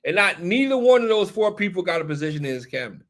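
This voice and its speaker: A man's voice: high-pitched, sing-song, fast, fairly bright tone. A tipsy man hosting casual political commentary, laughing and rambling, repeating himself often. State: a little tipsy. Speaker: show host.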